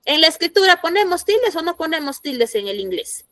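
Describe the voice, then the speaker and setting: A woman's voice: very high-pitched, sing-song, fairly quick, fairly bright tone, dry recording. A woman teacher, explaining grammar rules and asking her students questions. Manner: explanatory, asks the class questions. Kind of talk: classroom lesson to students.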